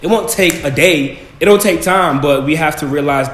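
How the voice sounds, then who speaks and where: A young adult man with a fairly high, fairly bright voice speaks at a moderate pace on a student panel. His tone is casual and earnest, punctuated by "you know what I'm saying." Echo and faint background noise are audible.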